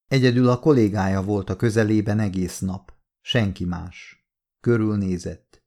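Brief: male audiobook narrator, low-pitched, steady and measured. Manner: calm, measured reading with slow pauses at key moments.

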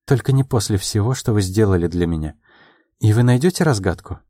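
A man reading an audiobook takes on the part of a proud, hot-tempered young woman, lifting her lines slightly above his own pitch and firing off quick, emotional answers. His delivery is animated and dark-toned, with an anxious yet hopeful mood, recorded in a clean studio with no echo.

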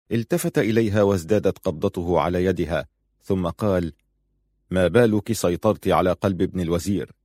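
A man narrating a novel in measured storytelling style. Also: lowish voice, dark tone, no echo, clean studio sound. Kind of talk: audiobook narration.

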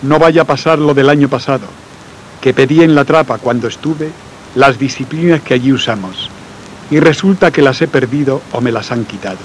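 Soft-spoken man reading devotional letters. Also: mid-range voice, moderate pace, slight background noise, rough recording. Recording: faint music and rain behind.

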